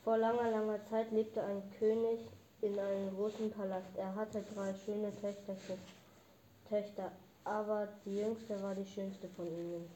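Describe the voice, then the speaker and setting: A woman narrating a fairy tale in a calm storytelling manner. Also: medium pitch, measured pace. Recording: echoey room, faint background noise.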